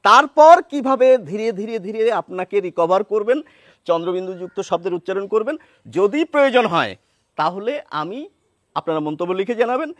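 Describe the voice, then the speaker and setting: Man, pronunciation teacher, high voice, dry close sound, patient demonstrations. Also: dry recording. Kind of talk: spoken lesson to camera.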